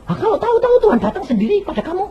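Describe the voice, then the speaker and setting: Animated pastor preaching touches. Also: male voice, racing, lo-fi sound. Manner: animated preaching, swinging from shouts to low murmurs; acts out dialogue in his stories. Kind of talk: sermon.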